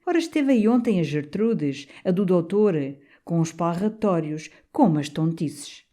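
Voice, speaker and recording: A woman voicing a slow, gossipy elderly countrywoman with a small drawling voice and a Minho accent, in an audiobook. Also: fairly low pitch, lively intonation, dark tone. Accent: Minho, northern Portugal.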